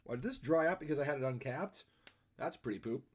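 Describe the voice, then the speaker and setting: A man's voice: medium pitch, animated, fast talker, slightly rough. Chatty man streaming while he draws. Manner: chatty, self-deprecating, hums melodies. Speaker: streamer and artist. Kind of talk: casual live-stream chat while drawing.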